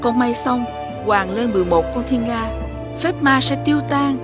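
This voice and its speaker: A woman's voice: on the high side, moderate pace, lightly acted. An actress voicing a wise, stern old fairy woman in a cartoon, who gives solemn, earnest warnings. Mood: gentle. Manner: solemn, earnest warnings, rising urgency on key orders. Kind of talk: dubbed cartoon acting. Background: background music.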